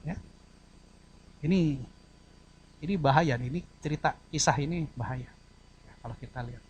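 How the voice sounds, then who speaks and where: A man's voice: on the high side, moderate pace, breathy edge, highs cut off. A man preaching a church sermon, addressing the congregation directly and acting out short quoted voices. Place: church service.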